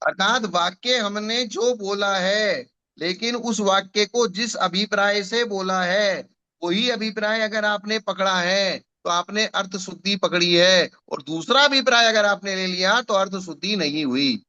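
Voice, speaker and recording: A man's voice: high-pitched, a little slow, sharp tone, highs cut off. A man teaching a scripture class, explaining patiently with examples and repetition.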